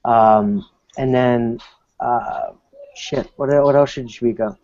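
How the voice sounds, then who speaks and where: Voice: mid-range voice, slow, darkish tone, no echo. A guest in a casual chat, hesitant, full of "um"s and restarts, swearing now and then. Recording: dull lo-fi sound.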